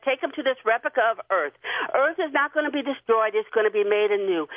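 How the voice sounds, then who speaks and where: A woman's voice: high-pitched, dry recording. A woman calling in to a radio show over the phone, telling a rambling story in a nervous, earnest way. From Tennessee. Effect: phone line. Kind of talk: call-in radio chat. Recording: tinny phone line.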